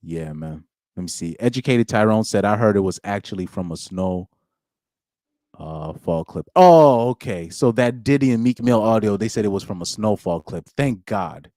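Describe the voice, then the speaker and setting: A man's voice: fairly low pitch, animated, normal speed, mellow, dry recording, studio quality. A young man hosting a live-streamed podcast in casual chat, reading out comments and rambling with slang and frequent restarts.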